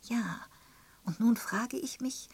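A woman reading the part of a gentle, tactful elderly spinster in an audiobook, in a mild and measured manner. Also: on the high side, slightly rough, pitched above the performer's own voice, heavily acted. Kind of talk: audiobook character voice.

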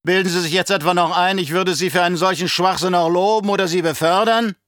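A man's voice: medium pitch, a little slow, a bit bright, clean tone, no echo, clean studio sound. A man voicing a cruel, scheming, obese baron who barks angry questions in an audiobook reading. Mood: furious.

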